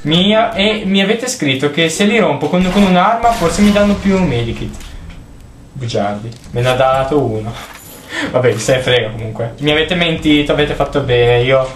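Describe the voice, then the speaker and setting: A man streaming a video game, talking casually and yelling and swearing at what happens on screen. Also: on the high side, lively intonation, moderate pace, echoey room, slight background noise. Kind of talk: casual let's play commentary.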